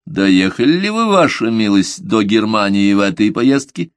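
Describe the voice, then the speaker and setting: A man's voice: fairly low pitch, animated, moderate pace, dry recording, studio quality, natural voice. A man voicing a stern male inquisitor who questions coldly and probingly in an audiobook. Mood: interrogating. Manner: cold probing interrogation. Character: stern grim male inquisitor, older cleric. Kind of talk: audiobook character reading.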